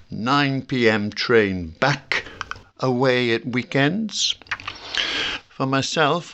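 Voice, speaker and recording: A man from Newcastle upon Tyne reading his own reflective essay about home, measured and dryly precise. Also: fairly low pitch, fairly bright tone, clear, resonant tone, dull audio. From Newcastle upon Tyne, England. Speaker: guest contributor reading his own piece.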